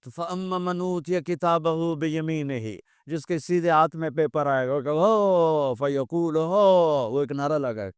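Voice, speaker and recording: A man's voice: a little high, few pauses, smooth, no room sound, clean studio sound. An older man preaching a religious sermon, telling stories and reciting verse in a rising and falling voice. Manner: storytelling with acted quotes and recited Persian verse.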